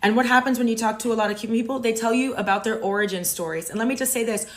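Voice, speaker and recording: A woman's voice: fairly high pitch, racing. Emphatic woman delivering an impassioned monologue. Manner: emphatic, repeats "okay?" for emphasis. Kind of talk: impassioned social media monologue.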